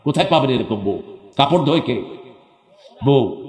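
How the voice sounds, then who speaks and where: With a darkish, mid-range voice, lively intonation, and a moderate pace, a man gives an Islamic sermon to a crowd at a public gathering. He questions his listeners, answers on their behalf, and occasionally breaks into chants, heard in an echoey hall with long reverb.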